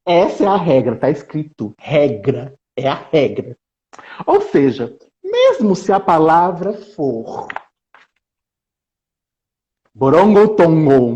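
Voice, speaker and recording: A man's voice: a little high, muffled recording. A man, a researcher, chatting as a guest on a live stream and acting out book lines with shifting intonation. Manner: animated, dramatizes book reading with shifting intonation. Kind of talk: casual chat on a live stream.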